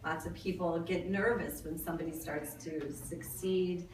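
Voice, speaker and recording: A middle-aged woman telling a personal story to an audience, animated and laughing through it. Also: lowish voice, normal speed. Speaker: motivational speaker. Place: studio event room. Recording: echoey room from a distance, noisy.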